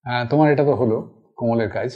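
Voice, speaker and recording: A man teaching recitation, explaining calmly and then acting out single words in a hushed or dramatic way. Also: medium pitch, rapid-fire, lo-fi sound. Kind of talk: teaching demonstration.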